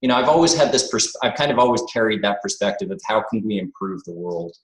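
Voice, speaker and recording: This interview guest has a deep voice with lively intonation and talks fast, yet he's hesitant and thoughtful, dropping many "you know" fillers. He was born in the United States and raised abroad, the interview is a reflective conversation, and the sound is echoey.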